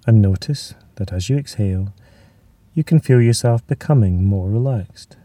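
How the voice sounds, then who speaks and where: A man leading a guided muscular relaxation, speaking in a slow, soothing way that sometimes drops to a whisper. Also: on the low side, dark tone, no room sound, recorded from a distance.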